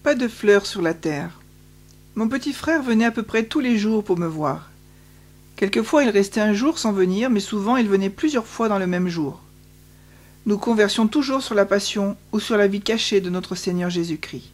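Une femme qui lit une autobiographie à la première personne, d'une lecture calme, posée et pieuse. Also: female voice, mid-range voice, normal speed. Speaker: audiobook reader. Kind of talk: first-person autobiography reading.

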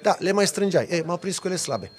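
A man, a podcast guest, telling a lively story in a casual chat with vivid sound effects. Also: sits high. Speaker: podcast guest, off-road driver.

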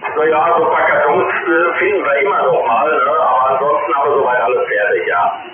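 A man's voice: on the high side, a little fast, echoey room, over a noisy crowd. A man chatting casually over CB radio, hesitant with many filler sounds. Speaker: CB radio operator. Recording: tinny CB radio, static noise.

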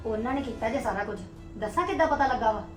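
A woman's voice: on the high side, lively intonation, fast talker, close to an everyday voice. A woman with a Punjabi accent playing a defiant young wife who insists on her place in the home. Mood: insistent. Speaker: wife, daughter-in-law. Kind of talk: family drama acting. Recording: roomy echo, faint music.

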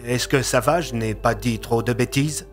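Un homme jouant un jeune homme désorienté. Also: male voice, mid-range voice, moderate pace, soft background music, natural voice. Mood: sheepish. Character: young man, confused door owner.

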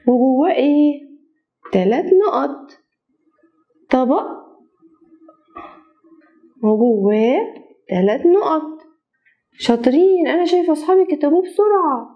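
A woman's voice: high-pitched, expressive, normal speed, pauses often, highs cut off. A woman with an Egyptian accent teaching kindergartners their letters, drawing out the sounds in a coaxing sing-song way. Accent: Egyptian Arabic. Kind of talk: children's phonics lesson.

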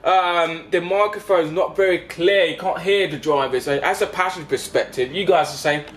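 A man in his 20s vlogs casually as a bus driver from inside a parked double-decker, explaining things to passengers. He halts, repeats himself, and keeps adding check-in tags, his voice fairly high-pitched and fairly bright. A handheld camera at arm's length captures him along with background vehicle noise.

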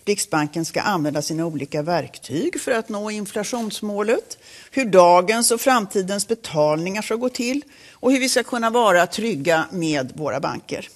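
A woman chairing a board, reading a prepared statement at a press conference in a formal, measured way with occasional self-corrections. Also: mid-range voice.

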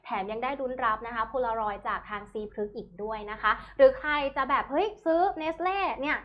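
Young woman, live seller, high-pitched, animated sales patter, slightly muffled livestream sound. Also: a little fast. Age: young adult. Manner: animated, chatty sales patter with polite particles. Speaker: live shopping host. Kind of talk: Thai live-selling promotional chat, urging viewers to order. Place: small bright studio, indoors. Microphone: clip-on lapel microphone.

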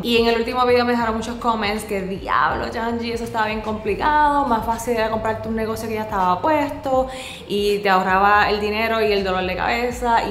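A woman in her thirties from Puerto Rico with a Puerto Rican accent, talking frankly and animatedly to camera in a casual vlog, mixing in English and swearing. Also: mid-range voice. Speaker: vlogger. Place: open-plan office, indoors. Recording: roomy office echo, faint room noise.

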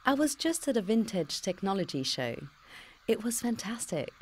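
Speaking at a moderate pace in a sing-song, medium-pitched voice, a British-accented woman plays a computer-generated future self in pre-recorded game dialogue. The character teases, acts cheeky and never gives a straight answer.

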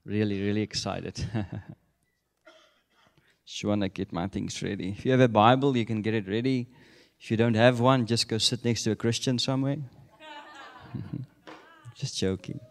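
This guest preacher's voice is lowish and moderately paced, and he pauses often. A South African in his thirties whose first language is Afrikaans, he preaches with a South African accent on a handheld mic in a large church sanctuary, chuckling frequently and building to emphatic declarations.

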